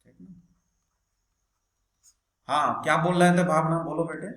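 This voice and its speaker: This man's voice is slightly high and a bit bright, with a steady tone and a somewhat slow delivery. He's giving an online maths lesson, patiently calling his students "beta" and quizzing them along the way. Faint noise and echo come from the room.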